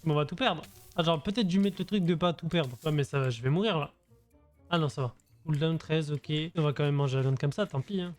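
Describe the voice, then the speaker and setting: Talking fast in a voice on the high side, a young gaming creator narrates his play in loose, slangy terms, voicing his thoughts as they come. His commentary sits over music.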